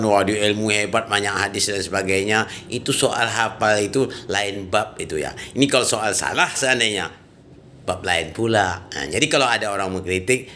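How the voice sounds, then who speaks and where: A man's voice: lowish voice, pushed and bright, slight background noise. A man giving an informal religious talk, emphatic and colloquial, with frequent "ya" and "nah" tags. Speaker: religious preacher.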